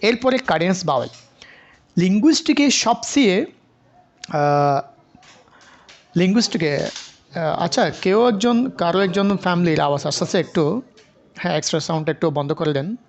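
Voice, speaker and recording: A man teaching an online exam-prep lecture, going through a question list, mixing Bengali and English with frequent filler pauses and repetition. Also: high-pitched, animated, slight background noise. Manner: mixes Bengali and English, many filler pauses, repeats himself. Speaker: online English literature tutor.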